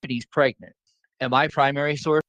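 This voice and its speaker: A man's voice: mid-range voice, steady tone, normal speed, fairly bright tone, no echo, poor audio. A man teaching a class over a video call, explaining in a casual, joking way and repeating his points to keep them simple. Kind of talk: casual online class lecture.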